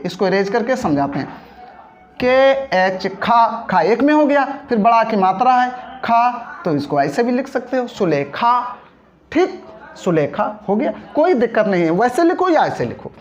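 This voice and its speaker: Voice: mid-range voice, sing-song, moderate pace. A teacher giving a step-by-step spelling lesson, patiently breaking words into syllables and checking that the class understood. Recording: dull lo-fi audio.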